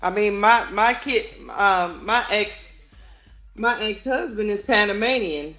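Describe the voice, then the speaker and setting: A woman's voice: medium pitch, a little slow, a bit bright, soft background music. A woman in a casual group discussion, earnestly sharing personal examples.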